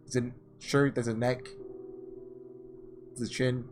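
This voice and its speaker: Slow and fairly flat, this man's medium-pitched voice comes through with background noise. He hosts a relaxed gaming video, thinking out loud casually while reading lines from a visual novel.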